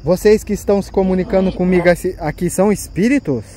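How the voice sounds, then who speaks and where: A man's voice: sits high, quick pace, slight background noise. A man with a Brazilian Portuguese accent, hosting a paranormal investigation vlog outdoors at night, talking in an anxious, exclamatory way and pointing things out as he goes. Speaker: paranormal investigator, channel host. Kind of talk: live ghost-hunting vlog commentary. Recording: loud crickets and insects behind.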